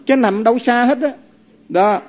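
A man's voice: very high voice, normal speed, a little mellow, dull audio. A man, a Buddhist monk giving a folksy dharma talk full of stories and asking his listeners to agree. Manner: folksy, asks the audience for agreement. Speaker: Buddhist monk teaching lay followers.

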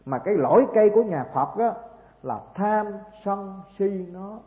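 A Southern Vietnamese man gives a Buddhist sermon in a fairly high, lively voice that rises and falls as he tells the story. He keeps pulling the listeners in with rhetorical questions. The sound is thin and phone-like, with a long echo from a large hall. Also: moderate pace. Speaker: Buddhist preacher. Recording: tinny, echoey hall recording.

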